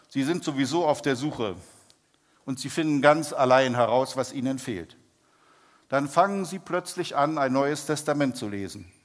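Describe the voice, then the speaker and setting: A man preaching and telling a testimony story, speaking in a measured way and slowing down for emphasis. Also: fairly high pitch. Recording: long reverb, hall.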